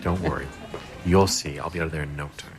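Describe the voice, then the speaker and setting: A man's voice: a bass voice, steady tone, fast, soft background music. A man playing a hapless, flustered social worker in a comedy series, often exasperated. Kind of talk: sitcom acting.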